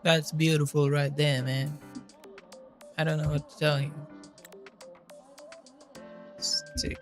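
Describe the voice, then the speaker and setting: This game streamer speaks slowly in a level tone, his voice on the high side. He offers casual live gameplay commentary, muttering and swearing freely, while game music plays in the background.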